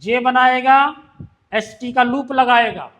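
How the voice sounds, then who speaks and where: High-voiced shorthand teacher. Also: male voice, slow pace, a bit bright. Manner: explains step by step, asks students questions. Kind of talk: classroom lesson.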